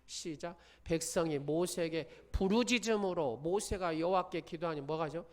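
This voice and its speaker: Fervent high-voiced preaching man. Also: moderate pace. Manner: fervent preaching, shouting proclamations then dropping to near whispers. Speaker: pastor. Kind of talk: sermon. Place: church sanctuary.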